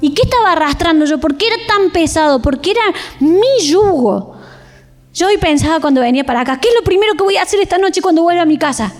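A woman with an Argentine accent preaching a sermon in church, animated and expressive, acting out everyday scenes. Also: extremely high pitch, fast talker, faint music behind. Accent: Rioplatense Argentine Spanish.

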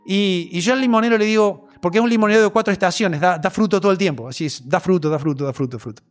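A man's voice: high voice, fast, soft background music. A man with a Rioplatense Spanish accent preaching a sermon in an earnest, repetitive, story-driven way.

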